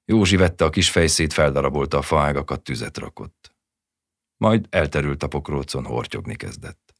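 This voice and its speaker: Male audiobook narrator, steady storytelling; very low pitch, dry. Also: vocal fry, dry recording. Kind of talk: scripted narration of a short story.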